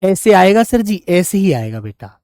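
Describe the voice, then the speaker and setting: A man's voice: high voice, big pitch swings, a little mellow, no echo. Coaxing male grammar teacher, dry close mic. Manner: drawn-out, repetitive, coaxing tone toward pupils. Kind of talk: online grammar class.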